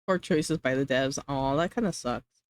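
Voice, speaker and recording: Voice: mid-range voice, moderate pace, dry recording. Chatty streamer, dry close sound. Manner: rambling, hedging with many "like"s, reading chat aloud. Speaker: livestreamer. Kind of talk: casual stream chat while eating.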